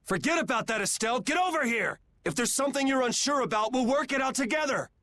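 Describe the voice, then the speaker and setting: A man's voice: extremely high pitch, lively intonation, quick pace, bright, forceful tone, slight background noise, exaggerated voice. A man voicing a cocky, blunt young swordsman hero in a video game. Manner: sarcastic, blunt. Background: game soundtrack.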